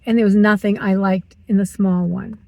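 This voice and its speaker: A woman's voice: medium pitch, steady tone, moderate pace, gravelly, a little mellow, a little hiss or hum, low-quality recording. A woman in her sixties vlogging from her parked car, chatty and teasing herself as she talks. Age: 60s. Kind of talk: casual chatty vlog.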